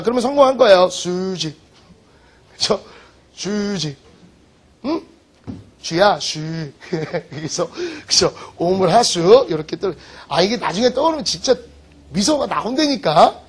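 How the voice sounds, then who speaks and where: A man with a fairly high, slightly husky voice teaching a vocabulary class. He jokes around, teases his students and keeps firing rhetorical questions at them. He sounds like a casual, playful lecturer. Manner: jokey, teasing, quizzes students with rhetorical questions. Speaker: English teacher. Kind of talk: lively online lecture.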